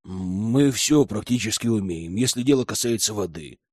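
A man's voice: lowish voice, expressive, normal speed, darkish tone, dry recording, pitched below the performer's own voice. A man voicing a whiny, indignant young female witch student in an audiobook. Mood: smug. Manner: whiny, pleading.

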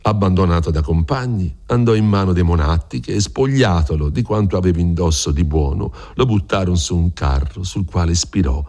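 A man narrates a classic novel in a measured, expressive way. His voice sits on the low side with a husky grain. Pacing is deliberate, with dramatic rises. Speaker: audiobook reader.

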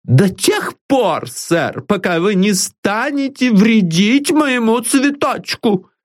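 A man doing a shrill devoted old maidservant. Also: lively intonation, slow pace. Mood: protective. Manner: pious exclamations, chatty. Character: devoted old female servant, blunt and folksy. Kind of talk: audiobook reading.

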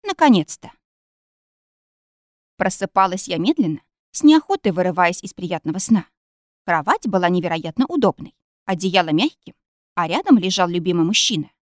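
A woman reading a first-person novel aloud in a soft, expressive storytelling manner. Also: on the low side, fairly quick, dry recording, clean studio sound. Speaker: audiobook narrator. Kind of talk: first-person audiobook narration.

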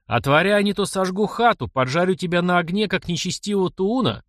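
A man voicing an arrogant, cruel young nomad warlord's son who shouts threats and insults. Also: high voice, a little fast, no room sound, clean studio sound, voice pushed up. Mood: furious.

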